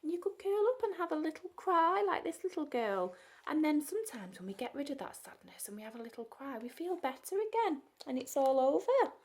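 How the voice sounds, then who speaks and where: A woman, leading a gentle storytime lesson for young children, coaxing and asking them questions, sometimes dropping to a soft whisper. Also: high voice, sing-song, a little fast. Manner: sing-song, coaxing, asks children questions; drops to soft whispers at times.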